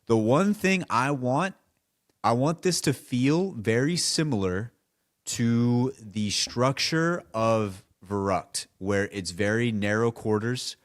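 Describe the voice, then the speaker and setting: A relaxed man leading a casual gaming podcast chat, mid-pitched and unhurried. He rambles a little and circles back to repeat his points. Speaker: podcast host.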